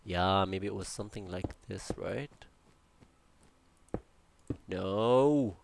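A young man with a gravelly voice hosts a building game channel, muttering to himself, counting blocks and tossing in playful Spanish words. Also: low-pitched, slow, slight background noise. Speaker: Minecraft building channel host. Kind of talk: casual gameplay commentary.

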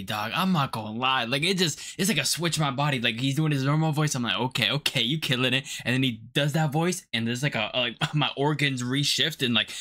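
A music video reactor giving casual, excitable commentary full of slang and playful jokes. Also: medium pitch. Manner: excitable, playful, quick to gush and joke; casual slang, calls listeners bro. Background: song playing faintly.

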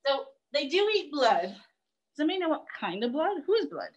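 A woman's voice: high voice, sing-song, moderate pace, muffled recording. A young woman zoo educator giving a live online lesson, chatty and playful, laughing often.

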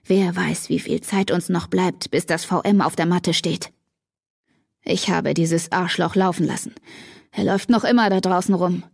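A woman's voice: fairly low pitch, steady tone, moderate pace, gravelly, a little mellow, slightly rough, no room sound, studio quality. Woman reading as an intense, angry young man.

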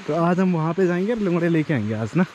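A man's voice: fairly high pitch, lively intonation, fast talker, darkish tone, dull audio, slight background noise. A man, vlogging outdoors in hill country near a river, chatty and joking as he talks straight to viewers on a handheld camera. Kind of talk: casual vlog narration.

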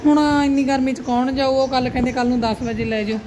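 High-pitched dramatic aunty vlogger. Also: female voice, fairly even intonation, fast. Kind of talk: casual family vlog chat. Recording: noisy, with vehicle-like background rumble.

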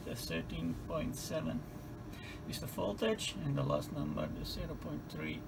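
A slightly high, gravelly male voice with heavy vocal fry and a Dutch accent belongs to a hobbyist showing off equipment off the cuff at an indoor electronics workbench. He hesitates and repeats words as he goes, and the room audio is clearly noisy.

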